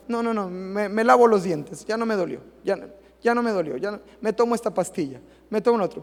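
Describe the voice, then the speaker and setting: A pastor delivers an emphatic sermon in a high-pitched male voice. He keeps punctuating his points with "amen" and "right?". The sound rings with the long reverb of a church hall. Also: a little mellow. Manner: emphatic preaching, repeating "amén" and "¿verdad?".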